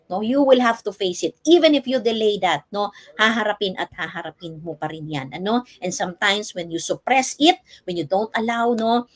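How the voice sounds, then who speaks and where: A woman with a Filipino accent, a life coach giving advice on a live stream, switching between English and Tagalog and checking in with frequent tag questions. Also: mid-range voice. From Philippines. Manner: mixes English and Tagalog, tag questions after nearly every phrase.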